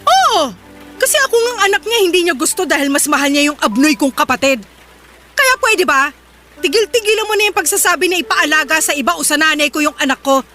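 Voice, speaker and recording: A sharp-tongued scolding mother. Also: high-pitched, lively intonation, brisk. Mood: angry scolding. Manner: scolding, shouting, sarcastic. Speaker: live-in partner in a radio drama. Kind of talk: radio drama acting. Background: music bed.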